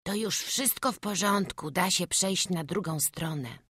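A woman's voice: lowish voice, unhurried, a bit bright, husky, no room sound, voice pushed up. A woman reading an audiobook voices a small frightened peasant boy with a childish lisp. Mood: worried. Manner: childish lisping speech, anxious.

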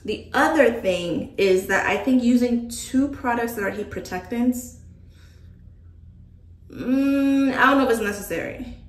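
A woman chatting to camera as a hair vlogger, thinking out loud with joking asides. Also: a little high, a little slow. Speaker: beauty vlogger. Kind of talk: casual chat to camera. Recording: echoey room from a distant mic.

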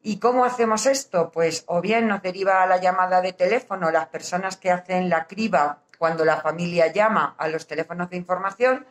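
A woman with a Castilian Spanish accent explains her work as a hospital social worker informally, with hesitant pauses, her voice slightly muffled through a face mask. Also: lowish voice. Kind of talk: informal explanatory talk to camera. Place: small indoor hospital office.

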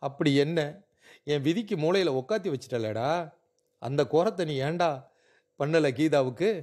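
A man's voice: mid-range voice, normal speed, a little mellow, close to an everyday voice. A man voicing an elderly widowed grandmother, fierce and grieving, pleading and tearful. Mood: anguished.

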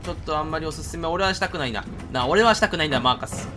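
A man with a Kansai Japanese accent races through jittery let's-play commentary in a fairly high voice, addressing the character on screen and bursting out now and then. Game music plays behind the gamer.

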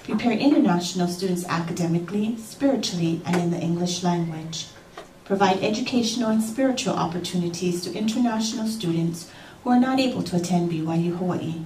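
A woman narrates a promotional video in an even, formal reading voice. The sound is roomy and picked up from a distance, with a faint hiss underneath. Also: fairly low pitch, fairly quick. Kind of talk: scripted narration. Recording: roomy, distant, faint noise, played through speakers.

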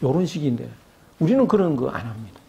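A man's voice: a little high, very animated, quick pace, gravelly, mellow. An older man giving an academic lecture, asking rhetorical questions and acting out quoted voices.

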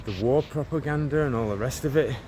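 Filming on a phone at arm's length during a walk down a residential street, a forties-aged Englishman prays and preaches fervently in a fairly quick, mid-range voice. He often rambles and restarts his words, and passing traffic can be heard.

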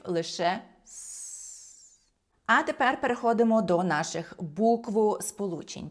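A woman teaching German pronunciation, explaining each sound carefully and repeating every example word. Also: on the low side. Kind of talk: pronunciation lesson.

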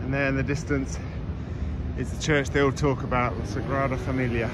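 A man narrating a casual travel vlog while out running, speaking in short phrases with pauses. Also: mid-range voice, little pitch movement. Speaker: vlogger filming a training run. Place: outdoors on city streets and park hills. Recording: outdoor street noise, passing traffic. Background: city traffic and outdoor ambience.

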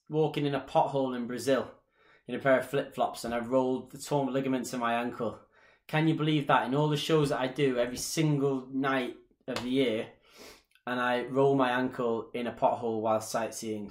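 Talking to viewers from his small living room, this chatty dance instructor in his thirties answers their questions on a live stream, gesturing a lot as he goes. He speaks with a Mancunian Irish accent at a medium pitch. His webcam sits at desk distance, so the sound is roomy.

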